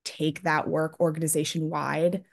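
Sincere young woman, slightly low voice. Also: level tone, unhurried, creaky. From Pennsylvania, USA. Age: young adult. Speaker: student managing editor. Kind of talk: casual interview answers.

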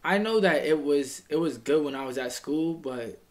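A man's voice: on the high side, moderate pace, darkish tone. A young man chatting as a podcast guest, laid-back and full of slang. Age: young adult. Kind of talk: casual chat.

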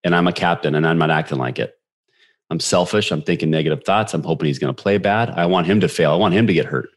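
During a podcast interview, a deep-voiced man in his forties shares stories from his own life. His delivery is fast and lively, and he dramatizes whatever dialogue he quotes.

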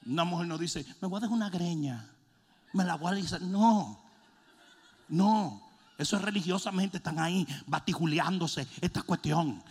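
A man preaching a sermon, joking and shouting in turns. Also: high voice, moderate pace, husky. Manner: animated, jokey, swings between shouting and mimicking. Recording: long hall reverb.

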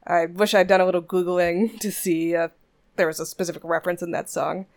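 A woman's voice: fairly low pitch, little pitch movement, fairly quick. A woman hosting a music podcast, chatting casually between songs with frequent laughs and asides. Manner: chatty, warm asides, laughs often, restarts.

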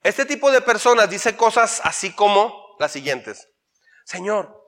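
A man with a Mexican accent, a pastor preaching an animated sermon that swings from loud to soft. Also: high-pitched, moderate pace.

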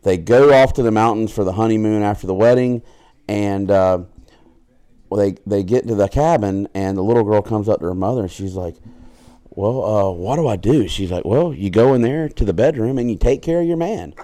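On a casual podcast, a Southern US co-host swears freely and tells a crude joke packed with rambling asides. His voice is lowish and mellow, and he talks at a normal speed.

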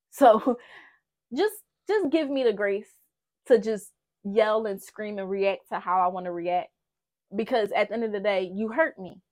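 A woman hosting a podcast, giving blunt, profane relationship advice in a casual, emphatic way, speaking. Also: medium pitch. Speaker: podcast host. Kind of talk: candid relationship talk.

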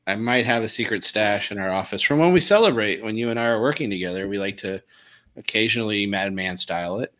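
A man's voice: on the low side, quick pace, fairly bright tone. A man co-hosting a casual live chat, tossing in dry, wisecracking remarks. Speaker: podcast co-host.

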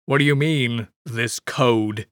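A man's voice: medium pitch, slow, a bit bright, dry recording. A guarded man, voiced by the storyteller, keeping his answers short and evasive in a mid-range voice. The reading is close and dry. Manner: terse, evasive. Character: guarded middle-aged man, secretive and defensive.

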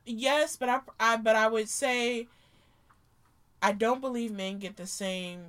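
A woman's voice: a little high, slow pace, fairly bright tone. A woman in her late twenties co-hosting a podcast, talking things through candidly and thoughtfully in casual chat. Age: 20s. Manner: thoughtful, many fillers and restarts, candid. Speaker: podcast co-host.

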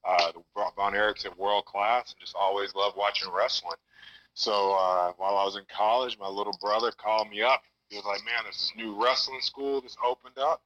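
Deep bright man over a phone speaker. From Louisiana. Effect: heard over a phone speaker. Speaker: guest wrestler. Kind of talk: casual phone chat. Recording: tinny speakerphone call.

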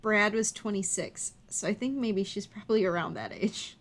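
Woman, podcast co-host, casual chat, medium pitch, wry exaggeration. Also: moderate pace. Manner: wry, hyperbolic commentary.

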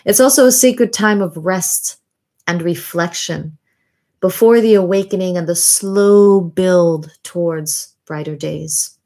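A woman with a somewhat low voice speaks as a podcast host. She delivers a scripted monologue in a measured, deliberate manner, leaving reflective pauses between phrases. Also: dark tone. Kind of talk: scripted narration, year-in-review monologue.

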